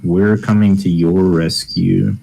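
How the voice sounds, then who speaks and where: A man's voice: low voice, fairly even intonation, slow pace, gravelly, crowd noise, low-quality recording. A man in casual podcast chat with friends, laid-back and joking as a co-host.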